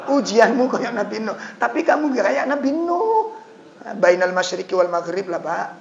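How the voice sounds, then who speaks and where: A man preaching an animated, joking sermon to an audience in a lecture hall. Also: sits high, moderate pace, vocal fry. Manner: animated, joking, switching into local dialect. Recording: echoey, slightly dull lecture recording.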